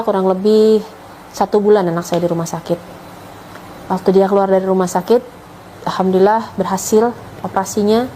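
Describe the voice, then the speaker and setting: A woman's voice: mid-range voice, dark tone, slight background noise, rough recording. A middle-aged woman, earnestly telling her personal story with emotion. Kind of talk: personal testimony.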